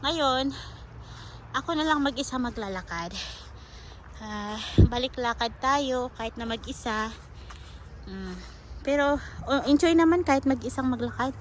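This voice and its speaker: A woman's voice: sits high, measured pace, long pauses, slight background noise. A woman vlogging casually to her viewers as she walks a park trail outdoors, recorded on a handheld phone. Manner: chatty, coaxing, sing-song baby talk to a squirrel. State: out of breath on an uphill stretch. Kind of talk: casual walking vlog, talking to viewers. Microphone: handheld phone camera.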